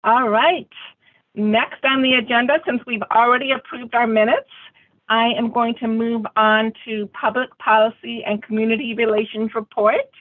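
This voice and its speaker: Lady running a zoom meeting, friendly and welcoming, fairly high voice. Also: steady tone, moderate pace, phone-quality sound. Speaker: meeting chair. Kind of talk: chairing an online meeting. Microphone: video call.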